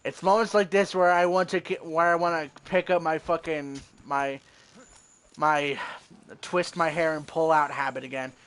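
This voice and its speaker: A man's voice: fairly high pitch, fairly even intonation, moderate pace. Profane, easily frustrated young gamer man. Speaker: gamer commentating his play. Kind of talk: casual gameplay commentary. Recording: loud game noise underneath. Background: video game sounds.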